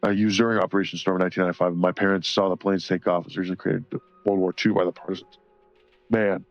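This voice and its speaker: Low-voiced man rambling on a stream. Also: level tone, racing, no echo. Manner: rambling, profane, laughs often, reads chat aloud. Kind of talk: casual livestream chat while coloring. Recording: slightly dull sound, faint music behind.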